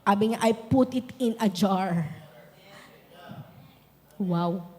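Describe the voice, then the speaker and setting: A woman pastor preaching a sermon, moving from quiet, conversational storytelling to shouted exhortation. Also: medium pitch, takes it slowly. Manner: preaching in mixed Tagalog and English, building to shouted exhortation. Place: large church hall. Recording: reverberant hall.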